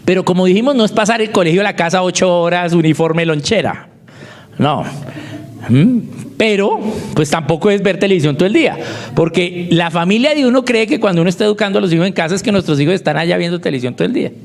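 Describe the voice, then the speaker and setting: A man's voice: high voice, fast. A man giving a teaching talk on homeschooling, who keeps checking in with his listeners through short rhetorical questions. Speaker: homeschooling speaker.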